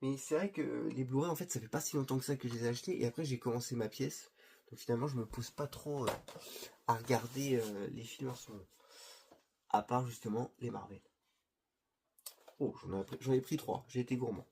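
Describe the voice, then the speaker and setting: In this clip, a middle-aged video host walks through his Blu-ray collection in a relaxed, halting way, full of fillers and false starts. He speaks in a mid-range voice at a fairly quick pace, warm and creaky, with slight background noise.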